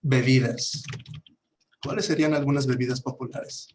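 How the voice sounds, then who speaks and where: A man's voice: medium pitch, fairly even intonation, moderate pace, a little mellow, a little hiss or hum. A man teaching an online language lesson, patiently repeating words for his students to drill. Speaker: English teacher.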